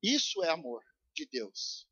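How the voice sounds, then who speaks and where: A male pastor preaching a fiery sermon at a church service, swinging from shouted urgent pleas to low intense tones, with a São Paulo Brazilian accent. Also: very animated, a little slow, husky, dull audio. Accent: Brazilian Portuguese, São Paulo.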